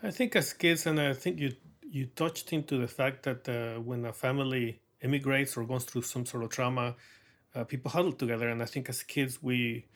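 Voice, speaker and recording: Speaking in a steady, medium-pitched voice, a middle-aged Mexican artist with a Mexican accent gives a thoughtful documentary interview. He frequently breaks off with fillers and soft laughter.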